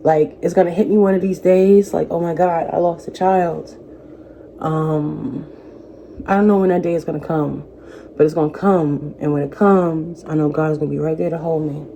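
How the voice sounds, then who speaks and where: Low gravelly woman talking softly to camera. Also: fairly even intonation, normal speed, slight background noise. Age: 30s. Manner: soft, reflective and encouraging, speaking of faith. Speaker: vlogger. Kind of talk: personal talk to camera.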